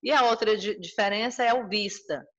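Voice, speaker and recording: A woman's voice: mid-range voice, normal speed, a bit bright, dull audio. A woman with a Brazilian Portuguese accent teaching a recorded school lesson, explaining patiently and restating each point. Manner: explanatory, repeats and rephrases points.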